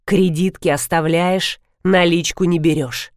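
A woman voicing a cruel, sneering husband who speaks in a low, slow, menacing way. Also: steady tone, dry recording, clean studio sound, natural voice.

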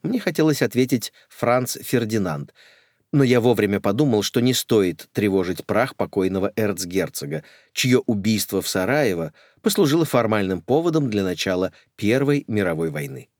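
A man reading a first-person novel aloud with dry irony. His middle-pitched voice moves lively up and down. The recording is close and dry, with no room sound. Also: normal speed, hardly any pauses, dry recording. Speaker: audiobook narrator. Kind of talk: ironic first-person audiobook narration.

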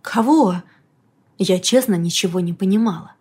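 A woman reading a first-person novel aloud in a lively, expressive storytelling manner. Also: on the high side, moderate pace. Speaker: audiobook reader. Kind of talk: first-person audiobook narration.

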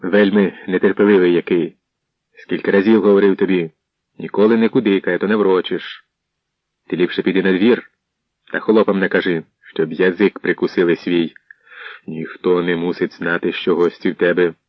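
A man reading an imperious, hoarse, scornful boyar in an audiobook. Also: low-pitched, steady tone, normal speed, no room sound. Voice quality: hoarse, domineering. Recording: dull muffled audio.

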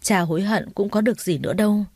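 A woman narrating a story in the first person with a steady, earnest delivery. Her voice is mellow and warm, and the recording is dry and close. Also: medium pitch, fast talker, no room sound.

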